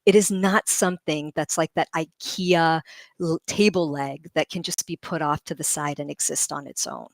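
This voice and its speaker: A middle-aged woman with a deep voice appears as a leadership guest on a livestream panel, speaking at normal speed. She is animated, laughs often, and explains her ideas through vivid comparisons. There is no echo.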